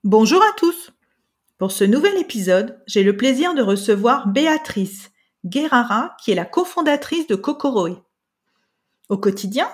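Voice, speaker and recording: Lady podcast host, a bit high voice, friendly, lots of euh. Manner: friendly, hesitant fillers in questions. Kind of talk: podcast interview.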